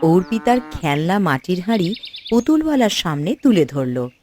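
A woman narrates a storybook cartoon in a lively, expressive way, her pitch rising and falling through each line. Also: normal speed.

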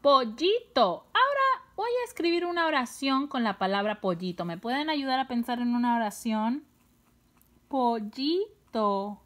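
A woman teaching a children's phonics lesson, sounding out syllables slowly and stretching the words, with playful, exaggerated surprise. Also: high-pitched, big pitch swings, a bit bright. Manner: slow, drawn-out sounding of syllables.

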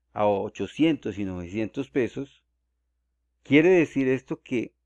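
A man from Colombia, calmly walking through cost calculations step by step in a screen-recorded tutorial. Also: mid-range voice, dry recording, muffled recording. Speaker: solar energy explainer.

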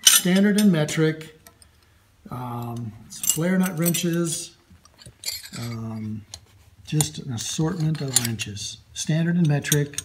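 A man hosting a workshop video, casually showing his tools in a slow, halting way with lots of ums and uhs. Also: a little high, lively intonation, noisy background. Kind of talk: casual show-and-tell of tools. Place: indoor workshop at a metal bench. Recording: loud clatter of metal tools.

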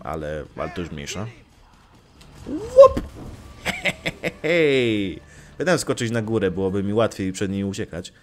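A man's voice: medium pitch, a bit bright. A young man casually commenting on his gameplay, joking, swearing lightly and talking back to the game characters. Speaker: let's play gamer.

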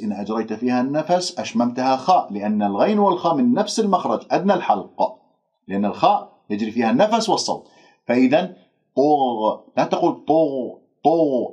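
A man teaching Quran recitation. He stretches out demonstration words slowly, then explains briskly. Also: mid-range voice, a little mellow, breathy edge. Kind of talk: pronunciation lesson. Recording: dull lo-fi recording.

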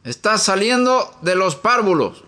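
A man's voice: high-pitched, very animated, measured pace, pushed and bright. A man preaching in a teaching style from a room upstairs in his home. He asks many rhetorical questions and tells homely stories.

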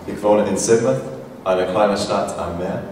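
Seventeen-year-old boy, deep voice, echoey room with hiss. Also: moderate pace, a little mellow, recorded from a distance. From England. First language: English. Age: teens. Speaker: student. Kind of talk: speaking German as a learner. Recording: echoey hall with background noise.

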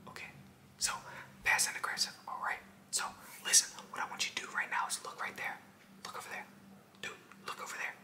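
Man in fast, sharp ASMR whispering. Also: roomy sound. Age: 20s. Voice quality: breathy whisper. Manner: aggressive, insistent, clipped and repetitive, addressing the listener directly. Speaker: ASMR host. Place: small indoor room.

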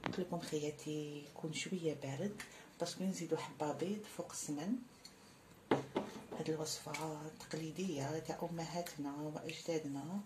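A woman's voice: low-pitched, fairly even intonation, fairly quick, very noisy. A woman with an Algerian Arabic accent hosting a cooking tutorial, talking viewers through each step in a friendly way and calling them sisters. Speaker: cooking channel host.

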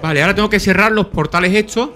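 A young man with a Spain Spanish accent giving live gameplay commentary, talking to himself in quick repeated bursts and swearing and yelping whenever he is under attack. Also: sits high, a little hiss or hum. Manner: excitable, swears and yelps when under attack. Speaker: gaming channel host.

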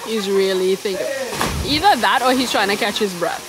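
A woman's voice: mid-range voice, normal speed, background noise. A woman from Trinidad filming a casual vlog outdoors, cheering friends on at a waterfall pool. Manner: excited cheering. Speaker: vlogger. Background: waterfall and people.

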